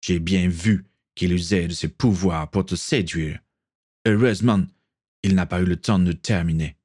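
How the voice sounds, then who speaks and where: A man voicing a self-righteous, contemptuous young man in a read-aloud story, lightly raised in pitch. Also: moderate pace, a little mellow. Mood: mocking.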